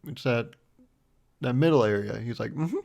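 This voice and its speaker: A man's voice: normal speed, creaky. A man in his twenties talking casually and rambling on his solo podcast, self-deprecating, recorded close on a mic with a foam windscreen. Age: 20s. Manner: rambling and self-deprecating, lively swings in pitch. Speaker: podcast host.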